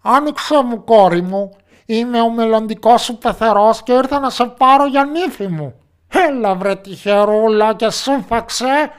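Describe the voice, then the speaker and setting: A man voicing a boastful, ragged goblin father in a storybook tale, calling out loudly and coaxingly. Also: very high voice, clear, resonant tone, voice pushed up. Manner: loud coaxing calls.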